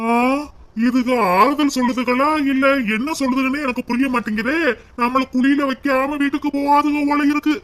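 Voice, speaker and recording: A man's voice: very high-pitched, fairly even intonation, moderate pace, a bit bright. A man voicing an exasperated sick village husband in a cartoon, grumbling and complaining.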